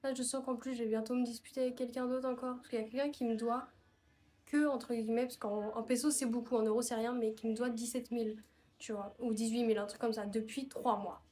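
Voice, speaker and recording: A young woman chats into her phone at home, talking things over in a loose, mildly irritated way. Her voice is somewhat high, and she keeps reaching for little fillers as she goes. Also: fairly even intonation, brisk, mellow. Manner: chatty, mildly annoyed, many fillers. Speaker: vlogger. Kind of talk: casual vlog chat.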